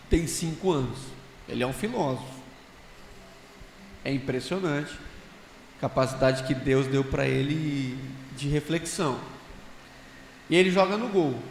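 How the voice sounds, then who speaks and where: A man with a fairly high voice talks casually on a church conference panel, spinning stories and putting rhetorical questions to the audience. His voice rings through a large, echoey hall with a long reverb tail. A faint ambient hum sits underneath. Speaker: conference panelist sharing reflections.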